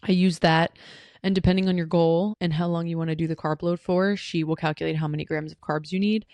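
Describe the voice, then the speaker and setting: A woman's voice: on the low side, fairly even intonation, fairly quick, a little mellow, no echo. A young woman hosting a solo podcast, answering listener questions in a chatty, rambling way with lots of fillers and restarts. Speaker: podcast host. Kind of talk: solo podcast Q&A, casual chat.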